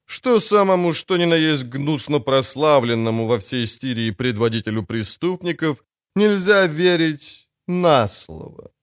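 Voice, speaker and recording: A man voicing a bold, swaggering warrior woman in an audiobook, slow and mocking. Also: on the high side, animated, dry recording, clean studio sound. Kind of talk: audiobook character voice.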